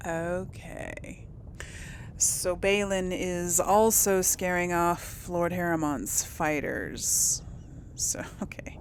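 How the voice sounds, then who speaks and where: Here a gaming host plays a role-play game and chats casually, half to herself and half to her audience. Her pitch is fairly low and she draws out her words. There's game music behind her along with slight background noise.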